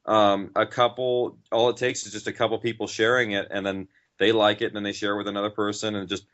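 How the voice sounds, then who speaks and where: A podcast writer and director, guesting in a casual interview, rambles informally and with enthusiasm. His voice is lowish, fairly bright and a bit fast, with little pitch movement, and the audio is dull and lo-fi.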